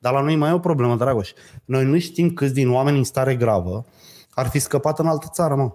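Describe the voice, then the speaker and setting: A man's voice: mid-range voice, darkish tone. A man co-hosting a casual political chat, joking and sarcastic, often laughing as he talks. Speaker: co-host.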